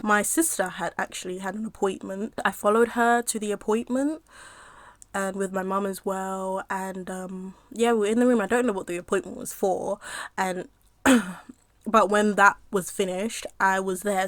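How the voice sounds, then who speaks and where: A young woman in a casual mukbang storytime, rambling with lots of fillers and pausing to eat as she talks. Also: medium pitch, a bit bright, dry recording. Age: young adult. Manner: chatty, rambling with many fillers, pauses to eat. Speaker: mukbang vlogger. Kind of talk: casual storytime while eating.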